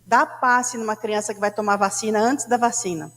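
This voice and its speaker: A woman's voice: mid-range voice, fairly even intonation, moderate pace, long reverb tail. A woman from Brazil giving a spiritist talk, chatty and storytelling, often turning to the audience. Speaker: spiritist lecturer. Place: lecture hall of a spiritist center.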